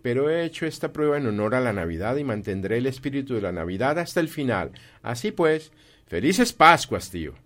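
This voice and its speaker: A man voicing a cheerful, warm-hearted young nephew in an audiobook, talking earnestly and pleadingly. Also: mid-range voice, lively intonation, fairly quick, few pauses, pitched above the performer's own voice, close to an everyday voice. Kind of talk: audiobook reading.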